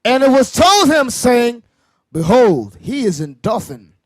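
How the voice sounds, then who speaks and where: A man's voice: very high-pitched, big pitch swings, measured pace, dry recording. A man reading Bible verses aloud to a class, declaiming the old-fashioned wording with rising emphasis. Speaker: scripture reader.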